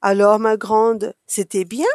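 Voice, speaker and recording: A woman voicing a cheerful father who gently teases his daughter. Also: medium pitch, flat delivery, slow, no echo, clean studio sound, close to an everyday voice. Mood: teasing. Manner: teasing. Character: cheerful teasing dad picking up his daughter.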